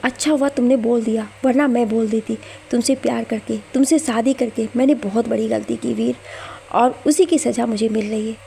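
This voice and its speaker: A wounded young wife answers with tearful indignation in a storybook reading, voiced by a woman narrator. Her voice is warm, dark and gravelly, a bit high. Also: steady tone, normal speed, slight background noise. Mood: defiant. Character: hurt, defiant young wife.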